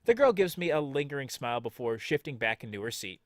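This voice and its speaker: A man's voice: medium pitch, big pitch swings, fast, no echo, studio quality. A man hosting a let's play, reading the game's text aloud and joking along with it in a playful, sarcastic way. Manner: playful and sarcastic, jumps into mock voices.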